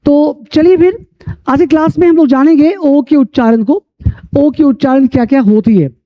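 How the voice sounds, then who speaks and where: Guy teaching english sounds, highish voice, kinda dull lo-fi audio. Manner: repeats rules and spells out letters slowly. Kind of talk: classroom-style lesson.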